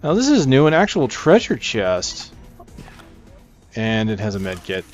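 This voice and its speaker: With huge pitch swings in a mid-range voice, a man unhurriedly narrates a casual video game walkthrough. Video game music sits in the background of the slightly dull mic recording.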